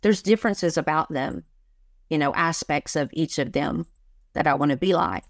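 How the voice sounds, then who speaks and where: A woman's voice: low-pitched, normal speed, dry recording, clean studio sound. A middle-aged woman, a business coach interviewed as a guest, speaking earnestly and emphatically and often repeating her key phrases. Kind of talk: motivational interview talk.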